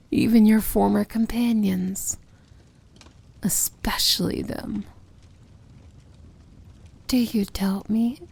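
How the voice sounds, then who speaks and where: A woman plays a feared, possessive yet tender villain princess in an intimate ASMR fantasy romance roleplay. Her warm, mid-range, exaggerated voice is breathy and often sinks into a whisper, with no room sound. She speaks slowly and deliberately, commanding yet tender.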